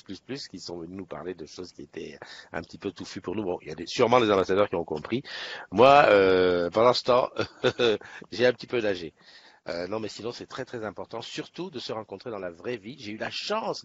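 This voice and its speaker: A chatty man hosts a morning live stream, upbeat and friendly as he greets viewers by name. His voice sits fairly low with a husky edge, and the stream audio sounds dull and lo-fi. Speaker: livestream host. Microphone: webcam setup.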